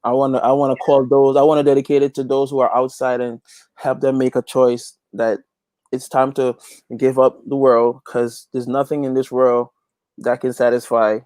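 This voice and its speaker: This Guyanese interview guest, a gospel reggae singer who also serves as a youth pastor, speaks earnestly and emphatically like a preacher, repeating lines for emphasis as his conversation becomes testimony. His medium-pitched voice is a little mellow, level in tone, at a moderate pace, on a dry recording.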